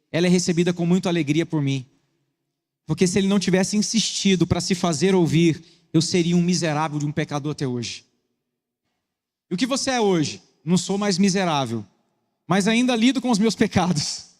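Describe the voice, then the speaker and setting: A Brazilian pastor with a fairly high voice, preaching with earnest intensity. He switches between rushed phrases and slow, weighty lines. The sound carries a long echo from the church hall. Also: darkish tone. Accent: Brazilian Portuguese. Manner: earnest, shifts between quick bursts and slow emphasis. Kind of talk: sermon with personal testimony.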